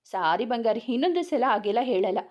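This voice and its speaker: A woman's voice: fairly high pitch, lively intonation, brisk, darkish tone, dull audio, close to an everyday voice. A woman voicing a playful young husband who teases and coaxes his wife in a storybook reading. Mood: coaxing. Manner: teasing, coaxing.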